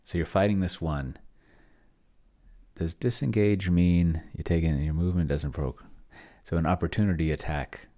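Hosting a live solo roleplaying session, a middle-aged man gives casual commentary, muttering his thoughts as he types at a computer in an indoor room. He speaks low and steady with a dark tone at a moderate pace, over the noise of keyboard typing and clicks.

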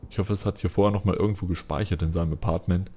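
Man, deep and mellow voice, casual let's play talk, faint game music. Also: steady tone, racing, husky. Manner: casual, swears when frustrated. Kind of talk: let's play commentary and reading aloud.

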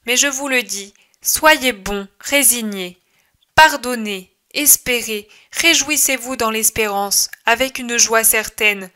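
A woman reader voicing Jesus as a gentle male preacher, speaking to a crowd in a solemn, measured way for an audiobook. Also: a little high.

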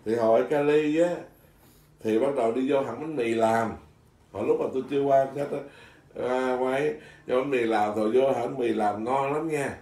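A man, a Buddhist monk telling stories from his life in easy conversation. He talks in an animated way, laughs often and trips over his restarts. The recording carries a clear echo, and he sits some way from the mic. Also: medium pitch, moderate pace. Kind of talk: casual storytelling chat. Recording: echoey room, mic at a distance.

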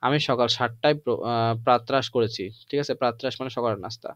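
A man's voice: medium pitch, fairly even intonation, fast, no echo, lo-fi sound. A man teaching English grammar to students, switching between Bengali and English and drilling the class with repeated questions. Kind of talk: lecture to students.

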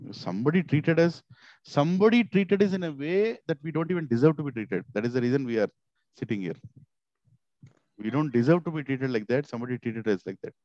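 A middle-aged man with a South Indian accent giving an informal devotional sermon, animated and repetitive, asking rhetorical questions into a headset mic. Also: mid-range voice, brisk, no echo. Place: small indoor office. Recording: slightly dull, lo-fi headset audio.

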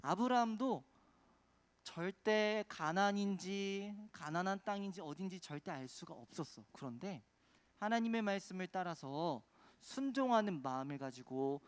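A man's voice: sits high, lively intonation, moderate pace. A man preaching a children's sermon, quizzing the kids with call-and-response questions. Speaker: children's pastor.

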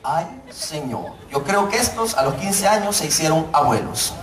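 High-pitched pastor preaching. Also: male voice, expressive, a bit bright, far from the mic. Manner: joking, calls out to the congregation, preaches slowly for emphasis. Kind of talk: sermon. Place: church hall. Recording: echoey church room, mic from afar.

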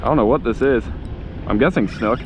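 A man giving casual, excited fishing commentary from a small boat, chatting to the fish as he reels them in, recorded on a head-mounted action camera. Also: mid-range voice, a little fast. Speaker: fishing vlogger. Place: outdoors on a small boat on open water. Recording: wind and water noise outdoors.

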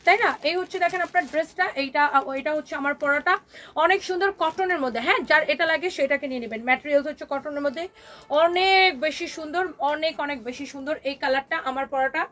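A woman hosting a live online clothing sale, talking in a fast, emphatic, repetitive sales patter that mixes in English words. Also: sits high, a bit bright. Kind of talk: live-stream sales pitch.

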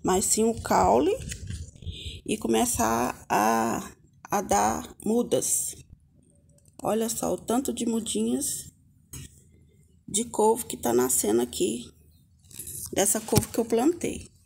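A woman's voice: fairly high pitch, animated, takes it slowly, gravelly, long pauses, a little mellow, husky. A Brazilian woman giving a casual, homely hands-on gardening tutorial, chatting informally to viewers as the host. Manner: addresses viewers as little friends, homely and informal. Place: outdoor home yard with potted plants.

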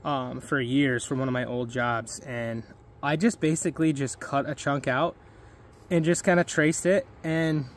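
Vlogger, man, 30s: slow, rambling, casual; handheld camera outdoors, faint ambience. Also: mid-range voice, steady tone, a little hiss or hum. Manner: laid-back, rambling with fillers. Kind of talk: casual vlog walkthrough. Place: outdoor yard by woods. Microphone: handheld camera at arm's length.

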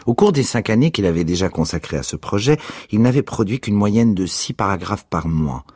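A man giving an expressive, ironic literary reading aloud. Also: lowish voice, brisk, breathy edge, no room sound, clean studio sound. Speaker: reader.

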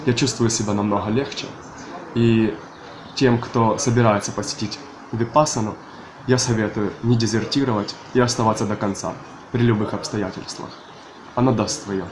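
A man in his twenties from Ukraine speaks calmly and in order to a camera outside a building. His voice sits a little low. Outdoor ambience is clearly heard around him. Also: moderate pace, noisy background. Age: 20s. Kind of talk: short testimonial to camera. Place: outdoors by a building's glass doors.

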